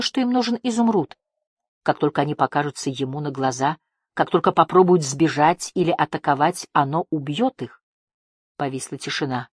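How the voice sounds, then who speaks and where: An audiobook narrator telling a fantasy story in steady, measured scripted narration. The voice has a husky, breathy edge and sits at a middle pitch. It is recorded close on a studio mic, dry with no room sound. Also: no echo.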